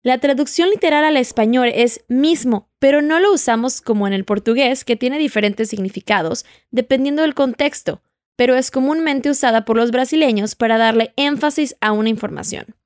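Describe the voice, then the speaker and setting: A female Portuguese teacher with a slightly high, somewhat mellow voice leads an audio lesson at a moderate pace. Patiently, she keeps inviting the listener to repeat after her. The recording is close and dry, lacking any room sound.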